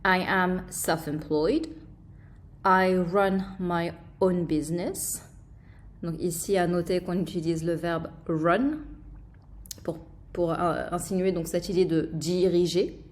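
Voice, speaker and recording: Female language teacher, unhurried, lower pitch, patient explainer. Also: fairly even intonation. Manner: patient, explains slowly with fillers and repeated examples. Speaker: English teacher. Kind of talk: online language lesson.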